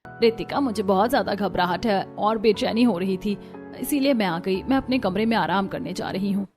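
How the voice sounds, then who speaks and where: A woman voicing a tired working mother-in-law in an animated cartoon, speaking softly and wearily. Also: medium pitch, normal speed, over music, natural voice. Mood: weary.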